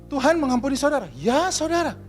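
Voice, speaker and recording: A man, a pastor giving a lively sermon in church and asking the congregation questions. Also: extremely high pitch, fast, soft background music. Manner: lively preaching, asks the congregation questions, mixes in English.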